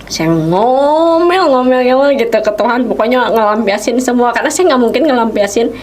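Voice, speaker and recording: Animated woman with telling her story. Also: fairly high pitch, normal speed. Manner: animated storytelling, acts out quoted speech. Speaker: guest sharing a testimony. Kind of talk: casual podcast interview.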